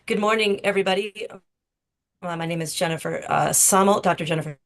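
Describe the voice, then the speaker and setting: Woman on choppy breaking-up call audio. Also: fairly low pitch. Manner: halting and apologetic, with restarts. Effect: choppy video-call audio cutting out. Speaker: exposure and risk assessment scientist on a panel. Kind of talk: introducing herself on a video call. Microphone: video call.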